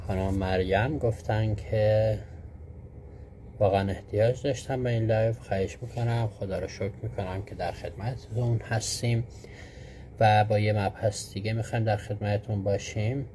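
Low-voiced man hosting a live stream. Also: fairly even intonation, mellow, a little hiss or hum. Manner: greets viewers one by one, slow and drawn out; explains patiently with frequent fillers. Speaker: live stream host answering viewer questions. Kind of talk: casual live-stream teaching.

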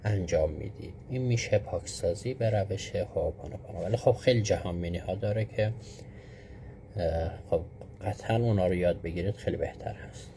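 Male live-stream host, mellow low voice, patient explainer with "uh" fillers, faint hiss behind. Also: gravelly. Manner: greets viewers one by one, slow and drawn out. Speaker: live stream host answering viewer questions. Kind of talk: casual live-stream teaching.

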